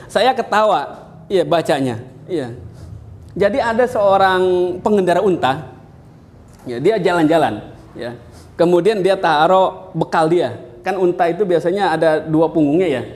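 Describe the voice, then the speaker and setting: A man from Indonesia, a university lecturer, giving a classroom lecture in an animated storytelling manner, asking his students questions. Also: sits high, moderate pace. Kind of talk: classroom lecture with jokes and anecdotes.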